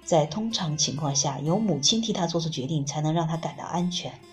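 Calm lower-voiced woman reading aloud. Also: faint music behind. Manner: calm, measured, steady reading. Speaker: audiobook reader. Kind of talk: narrating a book, first person as therapist.

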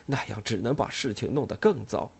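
A man voicing an anxious builder who pleads in a hushed voice in an audiobook. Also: medium pitch, brisk, creaky, breathy edge. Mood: hushed pleading.

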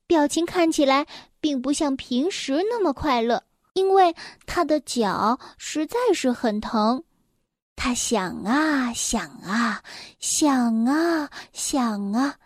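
Slow, high-voiced woman storyteller. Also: dry recording, studio quality. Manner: gentle, expressive, addresses children directly. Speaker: children's storyteller. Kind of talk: reading a children's story aloud.

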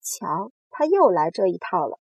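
A woman voicing a grumpy, indignant male earthworm in a storybook reading, complaining in a shrill voice. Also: animated, normal speed, darkish tone, breathy edge, dry recording.

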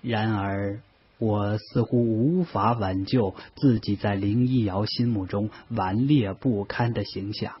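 A man calmly narrating a novel in the first person. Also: lowish voice, a little hiss or hum. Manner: calm, measured storytelling. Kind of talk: audiobook narration. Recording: dull lo-fi audio.

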